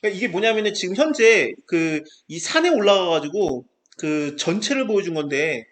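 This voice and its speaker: A man with a fairly high voice teaches a Bible passage in a relaxed, conversational way. He bursts into the quoted lines with lively changes of tone. The sound rings in a roomy, echoing space. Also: normal speed. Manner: animated, acts out quoted speech.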